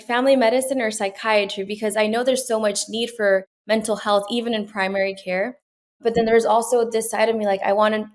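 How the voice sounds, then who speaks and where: A young woman from Peru, a medical student, answering interview questions in an earnest, reflective way with frequent fillers and restarts. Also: mid-range voice.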